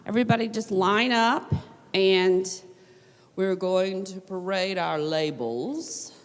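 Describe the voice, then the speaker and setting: A woman's voice: mid-range voice, slow pace, big-room sound. A woman with a Southern American accent giving a workshop presentation, chatty with frequent fillers. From Southern United States.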